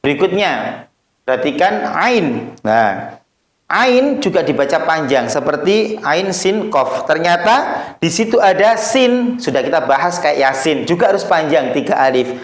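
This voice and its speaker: A man teaching a recorded Quran reading lesson, explaining slowly and drawing out the letters in long chanted examples. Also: on the high side, sing-song, echoey room.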